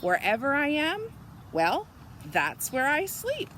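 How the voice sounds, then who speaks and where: A woman voicing a carefree, independent male butterfly in a children's storybook, airy and self-assured with drawn-out phrases. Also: sits high, huge pitch swings, a bit bright, slight background noise, pitched above the performer's own voice, exaggerated voice. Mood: breezy, self-assured. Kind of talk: children's storybook read-aloud.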